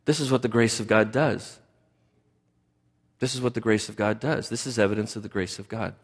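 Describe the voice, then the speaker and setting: An American pastor delivers a sermon in a conversational style, frequently putting questions to the congregation. His voice is fairly low and fairly even in intonation, and he speaks briskly. The recording carries a long hall reverb.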